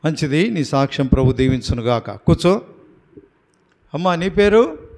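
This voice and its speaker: A pastor from Andhra Pradesh in a prayer house, firmly and coaxingly questioning baptism candidates one by one. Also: male voice, on the high side, sing-song, normal speed, a little mellow.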